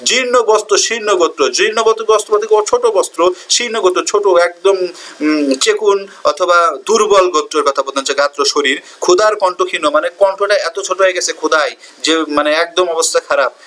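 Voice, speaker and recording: A man's voice: high voice, a little fast, fairly bright tone. A man teaching a poem line by line. He reads each verse, then asks and answers his own questions to explain it.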